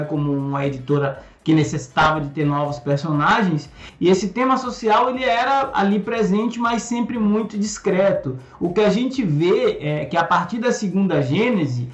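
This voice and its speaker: A man speaks over a video call, his voice roomy and a bit muffled. He explains his ideas thoughtfully and at length, pausing on fillers as he gathers his thoughts. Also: high voice. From Salvador, Brazil. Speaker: guest, comics channel host. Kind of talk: casual explanatory chat.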